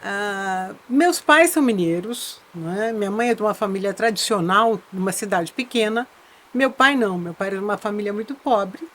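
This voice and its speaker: Telling her life story reflectively in an interview, a veteran insurance broker from Brazil, born in Minas Gerais and brought up in São Paulo, speaks at a moderate pace. Her voice is medium-pitched and a bit bright, and she frequently tacks on tag questions.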